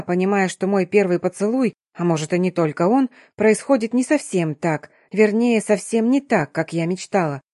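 Woman narrator, first-person audiobook, even reading, dark mellow voice, dry sound. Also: medium pitch, no room sound.

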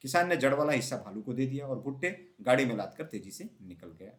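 A man reading a children's story aloud in a lively, expressive storytelling manner. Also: mid-range voice, quick pace. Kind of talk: scripted narration of a children's story.

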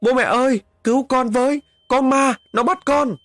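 A man's voice: medium pitch, very animated, normal speed, breathy edge, no room sound. A man voicing a frightened young village boy who pleads and cries out in panic, in a spoken horror story. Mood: terrified.

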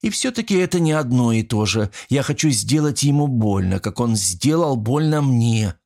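A man's voice: mid-range voice, animated, moderate pace, gravelly, a little mellow, voice pushed up. A man reading an audiobook, voicing a scheming, vengeful young woman in a girlish, venomous voice.

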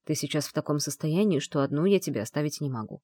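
A woman voicing a calm, persuasive young man. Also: low voice, quick pace, breathy edge, no echo, clean studio sound. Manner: quiet, soothing, insistent. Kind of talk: audiobook character reading.

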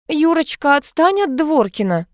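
A woman's voice: sits high, sing-song, measured pace, no room sound, clean studio sound, pitched above the performer's own voice. A woman voicing a stern, formal older mother who scolds with polite phrasing, read as part of an audiobook. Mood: reproving. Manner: formal, reproving.

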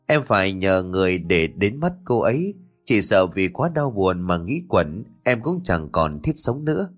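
A man's voice: deep voice, sing-song, measured pace, soft background music, exaggerated voice. A man playing a grieving young father. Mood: sorrowful. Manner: subdued, sorrowful. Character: young husband and father, worn down by grief.

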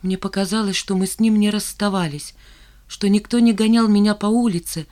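A woman reads a novel aloud in the first person, at a middle pitch. Her delivery is expressive, shaping each sentence like a told story. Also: brisk. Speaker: audiobook reader. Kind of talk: first-person audiobook narration.

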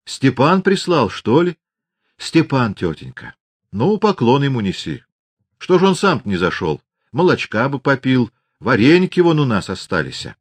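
A man's voice: mid-range voice, very animated, moderate pace, husky, dry recording, voice pushed up. A stubborn old peasant widow, nosy and scolding, with a folksy way of talking, played by a man narrating a novel. Her voice rises and falls a lot. It sits close and dry on the mic. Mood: prying.

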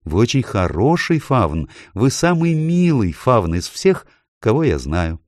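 A man's voice: medium pitch, big pitch swings, unhurried, a little mellow, no room sound, clean studio sound, pitched above the performer's own voice. A man voicing a kind, anxious young girl in a storybook reading, pleading and asking urgent questions.

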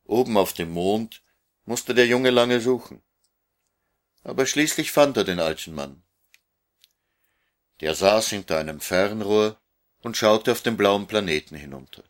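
A man reads a children's storybook aloud in a low voice. His pace is measured and his narration is plain. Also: lively intonation. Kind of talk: storybook reading.

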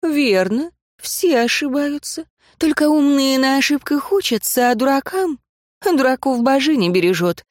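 A woman's voice: high voice, animated, normal speed, no room sound, clean studio sound, pitched above the performer's own voice. A woman voicing a shrewd, homely older village woman who talks in folksy, plain speech. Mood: chiding.

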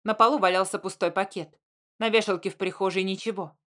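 Woman narrator, measured audiobook reading, mid-pitched. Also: steady tone, a bit bright. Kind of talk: scripted narration.

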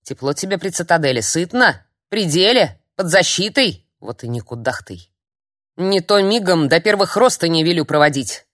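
A weary, stern witch, as a woman reader voices her, low and cold, clipped in her replies. The low voice still moves a lot in pitch, close and dry, like a storybook reading. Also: big pitch swings, moderate pace, a bit bright, no echo. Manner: curt, tired, cold. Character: weary, stern female witch, middle-aged.

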